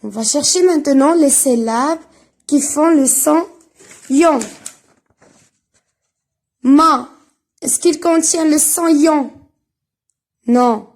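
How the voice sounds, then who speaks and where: A woman with a high voice teaches a reading lesson, speaking slowly and enunciating carefully as she spells out sounds and syllables one at a time.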